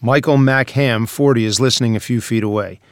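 A man with a medium-pitched voice reads scripted stage directions briskly as narrator of a screenplay table read. The recording is dry, with clean studio sound.

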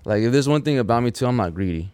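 A man's voice: mid-range voice, expressive, rapid-fire, darkish tone. A man talking like a gym bro in casual podcast chat as a fighter guest, slangy, profane and hyped up.

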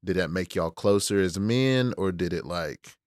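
A man's voice: low-pitched, normal speed, darkish tone, no echo. A man hosting a casual podcast interview, laid-back, with many short reactions and questions.

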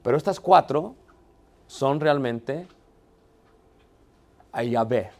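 A man's voice: mid-range voice, expressive, takes it slowly, a little mellow. A man teaching a theology class, asking the students questions and checking that they are following. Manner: poses rhetorical questions and answers them himself. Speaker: Bible teacher.

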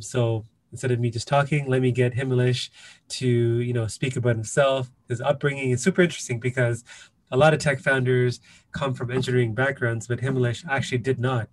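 A man hosts a podcast and introduces his guest, his voice sitting in a middle pitch. He talks in a chatty, upbeat way, dropping in "uh" and "kind of" as he goes. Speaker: podcast host. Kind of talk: casual interview hosting.

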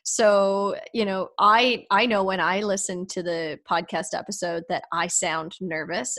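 A woman's voice: on the low side, a bit bright. A woman hosting a podcast interview, talking in a chatty, encouraging way and laughing often. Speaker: podcast host.

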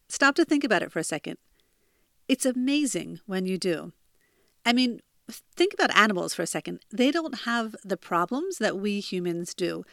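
Speaking in a medium pitch, an American woman in her 40s from New Jersey hosts her self-help podcast from the bedroom she grew up in. She's chatty, earnest and confiding, and the studio-quality audio carries no room sound.

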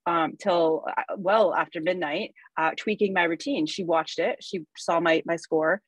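Low-voiced woman, halting casual talk. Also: fairly even intonation, husky, no echo, low-quality recording. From Canada. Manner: halting, many restarts and fillers. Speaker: guest, pole athlete. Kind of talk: casual podcast chat.

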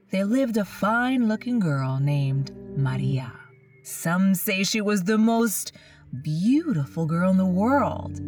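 A woman in the role of a horror host, narrating a spooky story with theatrical, drawn-out suspense. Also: medium pitch, a little mellow, recorded from a distance. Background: music.

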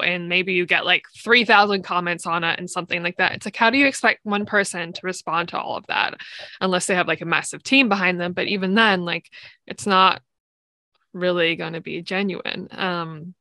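A woman with a bright, forward voice hosts a casual chat. She builds her thoughts in short halting pieces, with frequent filler "like". The sound is close and dry. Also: fairly low pitch, fairly even intonation, dry recording. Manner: peppers speech with "like", halting phrasing. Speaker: interview host. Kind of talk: casual conversational interview.

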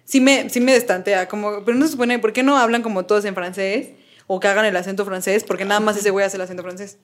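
A young Mexican woman talks quickly as a podcast host. Her chat is casual, slangy and blunt, full of jokes, and her pitch sits in the middle of a woman's range. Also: steady tone. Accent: Mexican Spanish.

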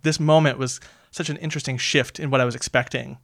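A man's voice: mid-range voice, steady tone, fast, vocal fry, fairly bright tone, no room sound, clean studio sound. A chatty man in a casual film discussion who says "like" a lot.

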